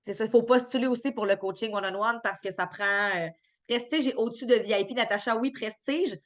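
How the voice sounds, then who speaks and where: Her voice sits a little high and moves briskly. Speaking with a Québécois French accent, she's chatty and upbeat as she answers viewers' chat questions during a live stream, full of fillers and restarts.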